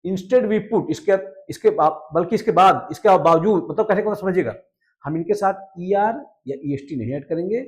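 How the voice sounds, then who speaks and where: A man teaching a grammar lesson. He repeats each rule in Hindi, reads the English lines slowly and keeps checking in with his listeners. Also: high-pitched, darkish tone. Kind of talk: explaining a lesson.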